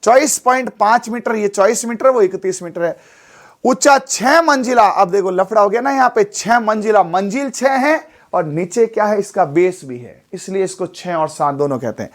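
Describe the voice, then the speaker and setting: Animated high-voiced male teacher. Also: normal speed. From Rajasthan. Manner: animated, asks the audience questions, mixes English words. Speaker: exam coaching teacher. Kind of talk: classroom lecture.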